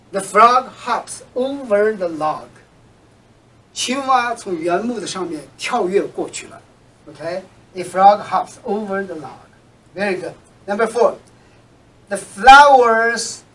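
A teacher giving a recorded language lesson, patiently repeating words and example sentences slowly. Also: mid-range voice, fairly bright tone, far from the mic, poor audio. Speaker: English teacher.

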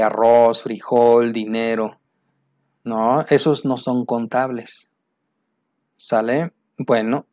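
Patient male teacher with a mellow, dull-sounding voice. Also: mid-range voice. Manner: patient, checks understanding with frequent "¿sí?" and "mira". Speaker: English teacher. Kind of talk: explaining English grammar errors to Spanish speakers.

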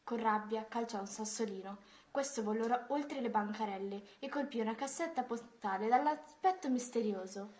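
A woman reading a children's Christmas story aloud, in a gentle, expressive way. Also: on the high side, moderate pace, few pauses.

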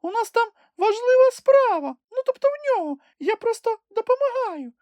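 A man voicing an excitable small furry female creature with a squealing, breathless enthusiasm. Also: very high-pitched, moderate pace, no room sound, pitched above the performer's own voice. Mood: explaining.

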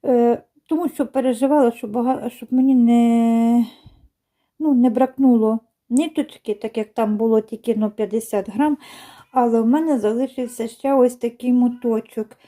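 Woman knitting vlogger at home, mellow highish voice, rambles chattily with lots of ums. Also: steady tone. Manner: chatty, unhurried, with many fillers and restarts. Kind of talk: casual chat to viewers. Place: home, indoors by a window.

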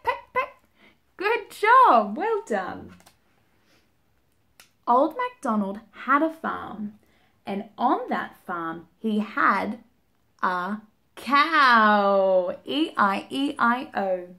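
Young woman for a children's storytime. High and sing-song, unhurried, gasps and invites the child to join in. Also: pushed and bright. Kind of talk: reading and singing a picture book to young children. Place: small indoor room, seated at home.

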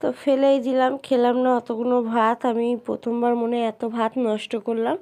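A young woman with a cold, her voice hoarse and heavy, narrates her day to viewers in a casual vlog. She speaks softly and a little downcast, and her pitch sits high. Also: steady tone, fairly quick. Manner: soft, subdued voice addressing viewers. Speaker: vlogger.

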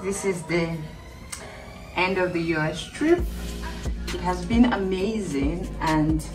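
A woman's voice: on the low side, expressive, takes it slowly. A woman in her thirties giving a heartfelt, emotional goodbye in casual vlog talk to the camera from a few steps away indoors. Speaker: vlogger. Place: small room by a door, indoors. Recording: distant mic, music behind.

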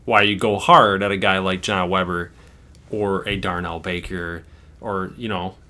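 A man co-hosting a casual chat about a football video game, excitable and quick to cheer or groan. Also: low-pitched. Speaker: co-host. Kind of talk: casual gaming commentary.

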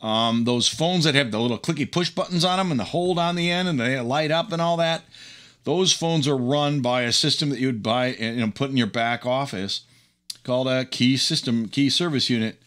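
Working indoors at a bench, a middle-aged or older man narrates a teardown video off the cuff, wandering from point to point with enthusiasm and plenty of chuckles. He has a mid-range, fairly bright voice and keeps a moderate pace.

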